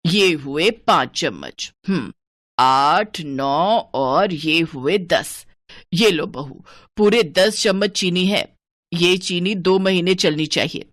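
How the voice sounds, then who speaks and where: Woman voicing a miserly old mother-in-law, bossy, scolding, low voice, dry cartoon sound. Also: animated, slow pace, fairly bright tone, no echo. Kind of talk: cartoon voice acting.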